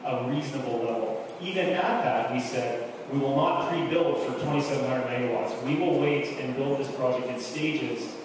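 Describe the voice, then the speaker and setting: A man, an official, answering questions at a public meeting in a measured, explanatory way. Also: mid-range voice. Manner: measured, repeats phrases while explaining. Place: large wooden community hall, indoors. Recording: echoey hall, distant mic, noisy.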